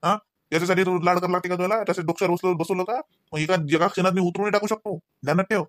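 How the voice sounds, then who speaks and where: A man's voice: high voice, fairly even intonation, a bit bright, a little hiss or hum. A man voicing a scolding cartoon husband. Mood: stern. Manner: nagging, lecturing, rapid scolding. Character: scolding husband Ravi, grown man, short-tempered. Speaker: voice actor. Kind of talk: cartoon voice acting.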